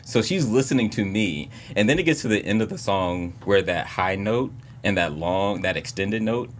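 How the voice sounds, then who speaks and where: A man's voice: on the low side, expressive, normal speed, a little hiss or hum. A man co-hosting a podcast, telling a childhood story in casual chat and laughing often. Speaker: podcast co-host.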